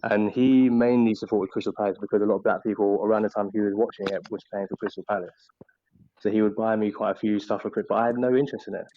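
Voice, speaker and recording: A man's voice: fairly low pitch, fairly even intonation. A man who grew up in the Caribbean and East London, insistently arguing his view in a casual football debate. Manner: insistent, rapid-fire. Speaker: club podcast member. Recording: muffled online voice chat.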